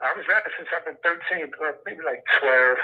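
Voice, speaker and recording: A man's voice: fairly high pitch, fairly quick, breathy edge. A man from Brooklyn with a Brooklyn New York accent, talking in laid-back street slang as an incarcerated guest calling in on a prison phone line. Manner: laid-back street slang, repeats "you know what I'm saying". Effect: heard over a prison phone line. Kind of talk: casual phone interview.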